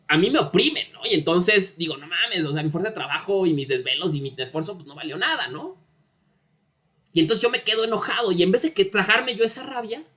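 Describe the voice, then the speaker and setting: Bright-voiced Mexican man lecturing. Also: high-pitched. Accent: Mexican Spanish. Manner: conversational, frequent tag questions, stumbling repetitions. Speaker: university philosophy lecturer. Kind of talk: informal lecture.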